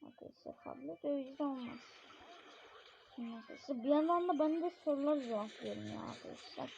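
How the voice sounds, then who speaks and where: A woman giving excitable play-by-play commentary on a mobile game, talking straight to her viewers. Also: high-pitched, a little fast, gravelly. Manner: excitable, keeps addressing viewers. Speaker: gaming channel host. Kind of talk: live mobile gameplay commentary. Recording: dull lo-fi recording with steady noise.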